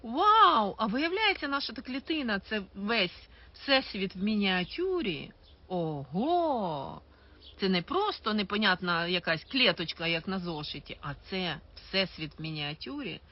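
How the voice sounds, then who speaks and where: A woman chatting on a livestream as an aromatherapy seller, animated and openly sarcastic, laughing often. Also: medium pitch, moderate pace, few pauses, lo-fi sound. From Ukraine. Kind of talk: casual livestream talk.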